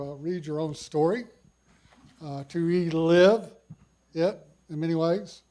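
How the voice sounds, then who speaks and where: An older man with a big voice, high in pitch and dark in tone, tells a conference hall audience about his own cancer. As a survivor giving a personal story talk, he keeps it folksy and self-deprecating.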